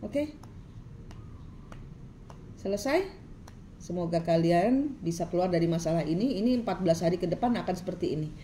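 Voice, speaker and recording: A woman's voice: fairly low pitch, animated, moderate pace, pauses often, mellow, a little hiss or hum. A woman tarot reader, giving a preachy, scolding reading full of repetition.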